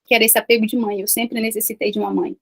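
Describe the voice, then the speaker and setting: A Brazilian woman in her thirties tells a live online group about a deeply emotional spiritual experience. She speaks in a confiding, repetitive way and sometimes breaks off to manage the call. Her voice sits fairly high for a woman. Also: little pitch movement, quick pace, gravelly, fairly bright tone. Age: 30s. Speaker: online community host. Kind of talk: personal testimony to a live group.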